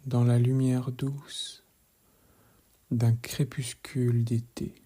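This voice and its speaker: Man, meditation guide, hushed and half-whispered, very flat and even delivery, mellow tone. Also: medium pitch, slightly rough. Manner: soft, hushed, often slipping into whisper; calm, measured, gently instructive.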